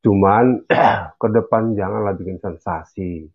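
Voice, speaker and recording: Pria bernada agak rendah terdengar lewat saluran telepon yang sempit dan tipis. Ia ikut dalam diskusi daring dan berbicara dengan serius, tegas, dan bernada menasihati. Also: male voice, fairly low pitch, a little slow, husky. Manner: earnest, admonishing. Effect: heard over a phone line. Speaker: caller joining an online discussion. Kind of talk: casual opinion sharing. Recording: tinny phone-line sound.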